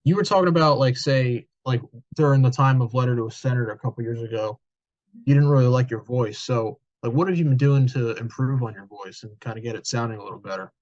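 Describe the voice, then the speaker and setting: A man co-hosting a podcast, relaxed and agreeable, asking the guest questions in a casual chat. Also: medium pitch, fast talker, no room sound. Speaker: podcast co-host. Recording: dry, slightly dull mic.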